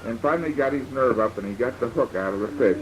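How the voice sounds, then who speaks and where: An older man, a grandfather, improvising a rambling bedtime story for a child and pausing to explain words. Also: medium pitch. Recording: dull lo-fi home tape with faint hiss.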